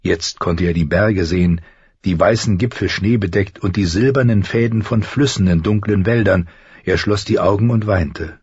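A man narrating a fantasy audiobook in a slow, measured, dramatic way. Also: low-pitched, a little mellow, breathy edge, no echo, dull audio.

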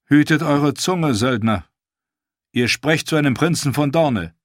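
A man's voice: a little high, expressive, unhurried, dry recording, studio quality, pitched above the performer's own voice. Man playing an indignant proud knight.

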